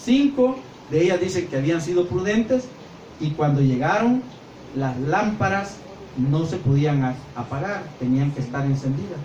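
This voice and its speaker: An older man preaching a sermon as pastor, animated, acting out voices and gestures as he tells the story. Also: fairly high pitch, moderate pace. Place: church hall. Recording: echoey church sound from far off with faint noise.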